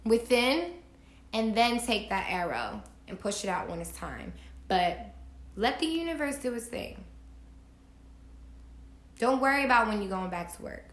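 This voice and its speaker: A woman's voice: a little high, sing-song, measured pace, pauses often. A woman vlogging from home, giving emphatic, preachy spiritual advice straight to her viewers and swearing casually. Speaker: astrology vlogger. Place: indoors at home. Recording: echoey room.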